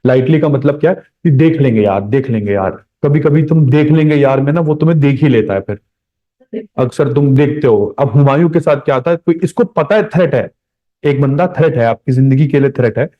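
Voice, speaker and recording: Male history teacher, slightly high voice, chatty classroom delivery, muffled lo-fi sound. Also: a little fast. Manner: conversational, addresses students directly, repeats key points. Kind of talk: classroom lecture. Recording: dull lo-fi recording.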